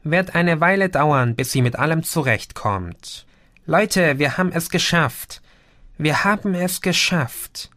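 A man voicing a cheerful, talkative male green insect alien with a lively, playful way of talking. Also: on the high side, unhurried, pitched above the performer's own voice. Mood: relieved glee.

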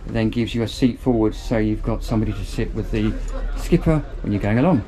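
A man's voice: fairly low pitch, fairly quick, warm tone. A man casually walking a camera through a boat, chatty and upbeat, thinking aloud as he goes. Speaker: boat reviewer giving a walkthrough tour. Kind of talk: casual walkthrough vlog. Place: outdoors on a marina pontoon and inside a small motor boat cabin.

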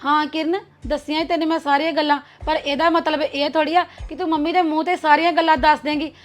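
A young actress playing a cautious, gossiping elder sister-in-law who talks in a confiding manner. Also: female voice, high voice, little pitch movement, fast talker, natural voice. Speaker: actor. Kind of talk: web series drama acting.

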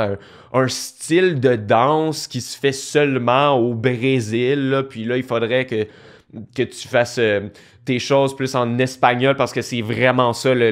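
Chatty man hosting a podcast. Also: mid-range voice. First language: French. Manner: chatty, conversational, frequent restarts and fillers. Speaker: podcast host. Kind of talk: casual podcast monologue.

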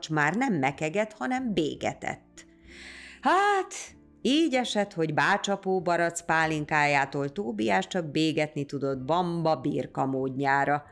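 A woman narrating a folk tale in a lively, expressive storytelling manner. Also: sits low, creaky.

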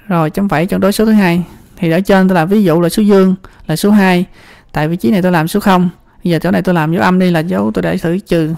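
This instructor speaks with a Southern Vietnamese accent and a gravelly, slightly rough voice. The delivery is a loose, chatty walk-through of a spreadsheet lesson, with repeated words and frequent check-ins with the viewer. The sound is dry, with no room echo. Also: mid-range voice, darkish tone. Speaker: computer skills instructor. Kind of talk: screen-recorded spreadsheet tutorial.

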